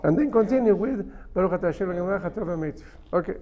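A man's voice: high-pitched, animated, very fast, dark tone. A man teaching a religious class as a rabbi, emphatically reading and translating a text phrase by phrase and explaining it step by step.

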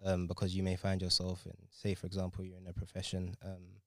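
Low-voiced young man. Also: completely flat delivery, brisk, creaky, no echo, studio quality. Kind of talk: casual group discussion.

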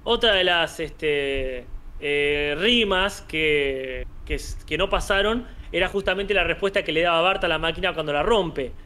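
A man's voice: fairly high pitch, a little slow, bright, forceful tone. A man with an Argentine accent, co-hosting a podcast in a casual, joking chat. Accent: Argentine Spanish. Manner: chatty, joking, often uses filler 'este'. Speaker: podcast co-host.

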